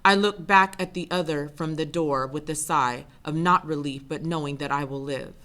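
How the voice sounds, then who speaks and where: A woman giving an intense, measured first-person spoken word performance. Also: deep voice, fairly even intonation, fairly bright tone.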